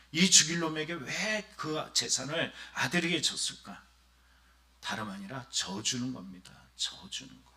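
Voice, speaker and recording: A male pastor delivers a Sunday sermon with a lively, swinging voice. His tone is bright and forceful, and he turns often to his congregation with questions. He slips into quoted voices as he tells the story. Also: fairly high pitch. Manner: animated preaching, often addressing the congregation directly; acts out quoted voices of villagers and the son.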